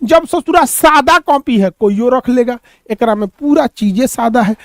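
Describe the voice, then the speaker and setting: A man's voice: very high-pitched, measured pace, dry recording, studio quality. A man with a Bihari Hindi accent teaching a class in a colloquial, joking way. He repeats key points and quizzes his students with rhetorical questions. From Bihar, India. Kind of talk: classroom lecture.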